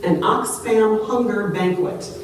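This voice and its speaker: In a church sanctuary, a pastor with a medium-pitched voice preaches slowly through a pulpit microphone, telling a story conversationally and putting questions to the congregation. The church is very echoey, the mic distant, with a faint hum.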